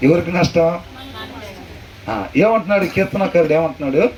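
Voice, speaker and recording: High-voiced man preaching, heard from afar. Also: darkish tone, muffled recording. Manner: questions the listeners, repeats verses slowly. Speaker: pastor teaching a Bible class. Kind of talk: conversational sermon with questions to the room. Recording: far from the mic, faint noise.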